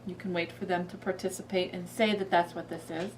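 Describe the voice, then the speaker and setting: A woman's voice: fairly low pitch, level tone, fairly quick, slight background noise. A woman giving an informal explanatory talk to parents as a children's librarian.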